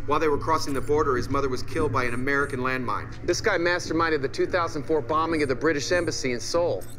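Actor as a fast-talking government intelligence briefer. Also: male voice, fairly high pitch, lightly acted. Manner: urgent, matter-of-fact briefing. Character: urgent, exasperated male government intelligence briefer. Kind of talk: film acting.

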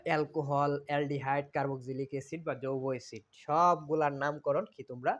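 A man's voice: a little high, fairly even intonation, a little fast. A man teaches a chemistry lesson, asking questions and answering them himself, repeating key terms. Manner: repetitive, asks and answers own questions. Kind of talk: classroom lecture.

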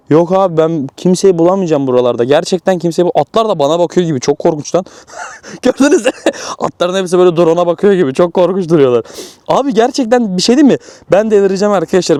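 A young man talking viewers through drone footage, jumpy and excitable, swinging from hushed tones to high excited bursts. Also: dry recording. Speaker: YouTuber flying a drone.

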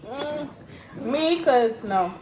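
A young woman talks slowly and offhandedly while she eats. Her answers are often murmured. The room is echoey, with other voices chattering around her. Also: high-pitched, expressive. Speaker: vlogger. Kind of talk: casual mukbang chat. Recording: roomy room with chatter behind.

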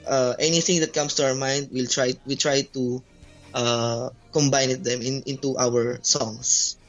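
Flat and measured, a medium-pitched Filipino man answers an interviewer's questions with hesitation. He plays bass in a band, speaks Tagalog natively with a Filipino accent, and comes through dull lo-fi call audio over background music.

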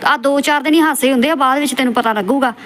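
Very fast and a bit bright, a woman's high voice carries scolding roast commentary over clips, with slight background noise. The channel host insults the subject in a lecturing, scornful way.

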